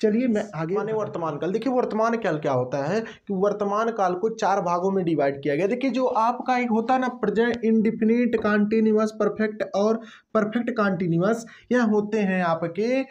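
A man's voice: high-pitched, moderate pace, darkish tone, dull audio. A man teaching an English grammar lesson to students, repeating key terms and answering his own questions. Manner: addresses students directly, stretches words for emphasis. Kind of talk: classroom-style grammar lesson.

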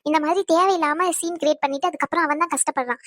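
A woman's voice: high voice, steady tone, very fast, dry recording, studio quality. A woman playing blunt scolding cartoon friend. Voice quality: sharp, scolding, teasing. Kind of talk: cartoon voice acting.

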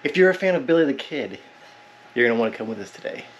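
A man's voice: mid-range voice, lively intonation, fast, slight background noise. Joking man with a dull lo-fi sound. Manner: joking, playful banter. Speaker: vlog host. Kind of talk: casual chat.

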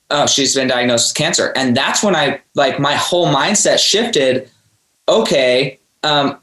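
A man hosting a podcast talks to his listeners head-on, earnestly and preachily, in a motivational interview style. His voice runs on the high side and is a bit bright. The room sounds echoey.

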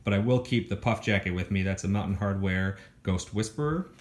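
A young hiker, indoors at home, films his gear laid on the floor and casually talks through it in voice-over. He lists items with lots of ums and restarts, his low-pitched voice moving fairly quickly.

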